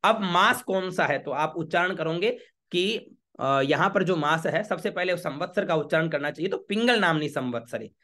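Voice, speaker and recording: A man, a priest teaching a home worship ritual step by step, chanting Sanskrit lines slowly and checking with the listener often. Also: fairly high pitch, lively intonation, bright, forceful tone. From Rajasthan, India. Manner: patient, repeats checks like "okay?".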